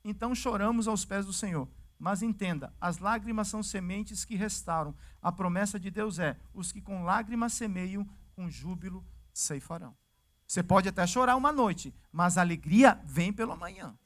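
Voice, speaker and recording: High-voiced Brazilian pastor preaching. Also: male voice, normal speed. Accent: Brazilian Portuguese. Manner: lively and conversational, acting out the scripture scenes. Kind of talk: sermon. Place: church service.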